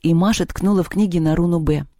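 Mellow-toned audiobook narrator. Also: mid-range voice, steady tone, moderate pace, dry recording, clean studio sound. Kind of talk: scripted narration.

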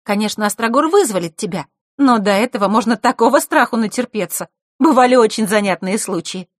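A woman's voice: fairly high pitch, expressive, brisk, dry recording, studio quality, voice pushed up. A woman voicing a proud, hot-tempered girl from a family of timekeepers, talking sharply and bossily. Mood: lively. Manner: sharp, bossy, snorting retorts.

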